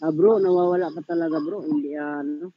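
A man's voice: a little high, fairly even intonation, fast talker, no room sound. A man moderating an online debate who talks hesitantly, with many fillers. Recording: dull lo-fi call audio.

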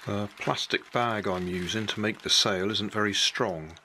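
A man's voice: fairly low pitch, steady tone, moderate pace, bright, forceful tone, a little hiss or hum. An older man casually walking through a hobby build at a kitchen table, explaining each step plainly and unhurriedly, correcting himself as he goes.

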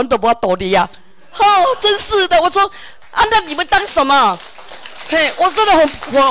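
A middle-aged woman with a Taiwanese accent, telling an animated personal story to a group and acting out the phone calls. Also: a little high, no echo. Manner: many sentence-final particles and restarts. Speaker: audience member sharing a story. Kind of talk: personal anecdote at a meeting.

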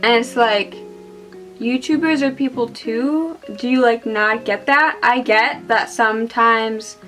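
Faint music plays behind this woman's slow, fairly bright, higher-pitched voice. She's a twenty-something beauty vlogger, hungover and self-deprecating, chatting loosely through a makeup tutorial in a small room indoors.

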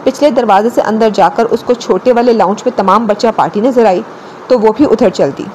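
A woman narrator reading a romance novel aloud in an even storytelling manner. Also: on the high side, slight background noise, poor audio. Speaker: audiobook narrator.

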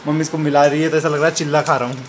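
A man's voice: on the high side, little pitch movement, rapid-fire, a little hiss or hum. Playful man coaxing his sleepy dog. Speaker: vlogger. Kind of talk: casual pet vlog narration. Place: home, indoors.

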